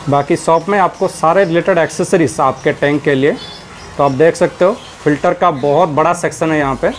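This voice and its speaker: Walking viewers through an aquarium and pet shop, this hobbyist vlogger keeps things casual as he points out what's for sale and how much it costs. He talks briskly in a fairly high voice, with a slight amount of background noise.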